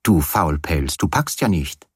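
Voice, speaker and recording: A brisk young woman who teases her friends bluntly, as a male reader puts her on in a storybook reading. The voice sits a little higher than the reader's own deep tone, with a husky edge and a dry, close sound. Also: big pitch swings, no echo, heavily acted. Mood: teasing. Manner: teasing, blunt.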